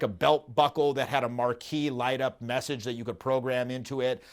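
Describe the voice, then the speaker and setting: In a dark studio, a thirty-something man who works as a dating coach chats casually on his podcast. He tells animated stories in a medium-pitched voice, performing the voices of those he quotes.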